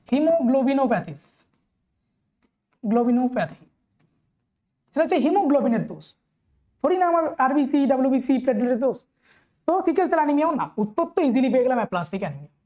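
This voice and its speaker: A young woman with a Bengali accent giving a nursing exam-prep lecture. She reads questions out slowly and then explains the answers quickly, checking in with her listeners again and again. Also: high-pitched, mellow.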